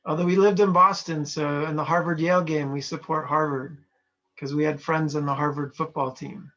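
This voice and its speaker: This trainer from Montana, USA has a slightly high, bright voice with a forceful, steady tone and a moderate pace. He chats casually with online participants on a video call, reading their messages aloud, and the audio is lo-fi.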